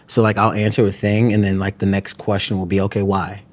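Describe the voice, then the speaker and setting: With a fairly low pitch and little movement in it, the New York poet and author answers interview questions reflectively. His speech is halting, with frequent restarts and plenty of "you know what I'm saying."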